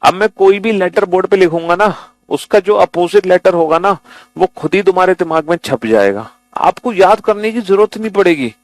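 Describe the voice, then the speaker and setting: A man's voice: high voice, animated, normal speed, no room sound, low-quality recording. A man teaching a class, coaxing his students to read aloud, repeating himself often. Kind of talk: classroom lesson.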